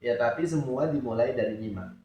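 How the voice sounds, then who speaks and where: A man teaching Quran recitation in a relaxed religious lesson, often asking questions for his students to answer. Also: mid-range voice, brisk, a little hiss or hum. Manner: asks students questions and lets them answer. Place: mosque study hall. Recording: echoey room, distant mic, dull sound.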